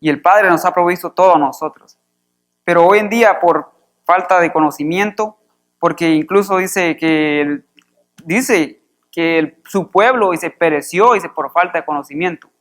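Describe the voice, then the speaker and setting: A man preaching a sermon in a church, reading scripture aloud and explaining it in an easygoing way, often pausing on filler words. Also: fairly high pitch, fairly bright tone. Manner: conversational, fills pauses with "este" and repeats "dice" while reading.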